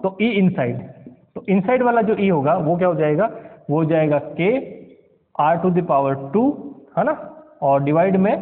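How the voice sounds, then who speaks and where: Guy teaching physics, highish voice, keeps asking the class if they got it, tinny echoey audio. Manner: keeps asking the class questions, checks understanding; mixes English science terms into Hindi. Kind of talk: classroom lecture at a board. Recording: tinny lo-fi sound with long reverb.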